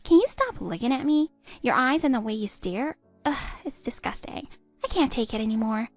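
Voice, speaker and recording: A woman's voice: on the high side, lively intonation, a little fast, no room sound, faint music behind. A woman voicing a spiteful stepdaughter in her twenties who sneers and cuts down her stepmother. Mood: scornful. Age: 20s. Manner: sneering, cutting, contemptuous. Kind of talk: text-story voice acting.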